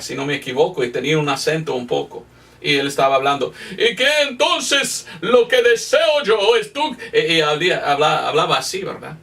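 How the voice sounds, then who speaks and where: Animated preacher. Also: male voice, sits high, distant mic. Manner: animated, acts out quoted voices. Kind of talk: sermon storytelling.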